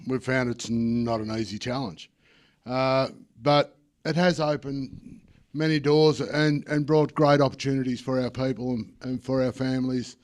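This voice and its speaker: Softly spoken man, earnest. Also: mid-range voice. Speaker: panelist. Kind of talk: conference panel talk.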